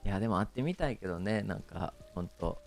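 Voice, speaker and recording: Chatting on his stream in Kansai-accented Japanese, this man is expressive and fast, with vocal fry and wide pitch swings. He hesitates frequently, fills gaps with filler words, and laughs often, while gentle music plays low in the background.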